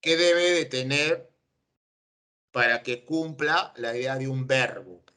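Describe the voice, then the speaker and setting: A man's voice: medium pitch, takes it slowly, pushed and bright, smooth. A man teaching an online class over a video call, patiently checking that his students understand.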